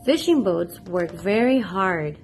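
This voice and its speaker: A woman with a mid-range, darkish voice and lively intonation reads a picture book slowly for children, with a little hiss or hum in the recording. She hosts the read-aloud channel, reading expressively and addressing questions to her young audience.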